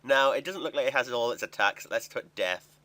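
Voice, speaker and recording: A man's voice: mid-range voice, a little fast, bright, forceful tone. Chatty young man narrating a screen recording. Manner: chatty, thinking aloud while clicking through a website. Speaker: gaming video creator. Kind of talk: casual screen-recorded commentary.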